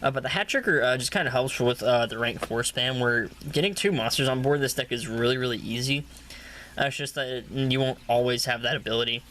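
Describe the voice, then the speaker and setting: Man, bright forceful voice, casual deck review, lots of uhs, faint hiss behind. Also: medium pitch, fairly quick. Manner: rambling, many filler uhs, repeats "really, really". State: coughing now and then. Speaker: card game deck reviewer. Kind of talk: casual deck profile talk.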